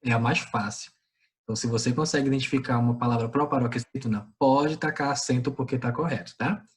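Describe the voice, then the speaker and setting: A man's voice: mid-range voice, steady tone, quick pace. Brazilian man giving a grammar lesson. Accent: Brazilian Portuguese. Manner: didactic, asks and answers his own questions. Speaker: teacher. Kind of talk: online class explanation.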